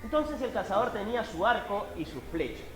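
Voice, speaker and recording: A man, a storyteller telling a fable live to an audience in an animated, expressive way. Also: high-pitched, a little fast, reverberant, slight background noise, rough recording. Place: event hall at a book fair.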